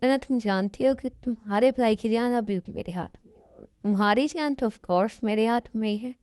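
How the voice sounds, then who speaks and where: A cold young mafia man who makes threats and gives curt orders, dubbed by a woman. The voice sits fairly high for the part but sounds dark and mellow. It is recorded dry and close. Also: normal speed, no room sound, close to an everyday voice. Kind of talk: fan Hindi dub of a love story.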